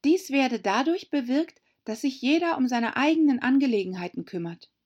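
A woman's voice: sits high, lively intonation, normal speed, a little mellow, lo-fi sound, voice pushed up. A woman voicing Alice, a polite and thoughtful young girl, speaking earnestly.

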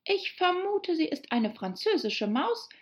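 Lady doing a chatty polite little girl, high and bouncy, bit dull audio. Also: big pitch swings, measured pace, exaggerated voice. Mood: eager. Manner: bright, eager, apologetic.

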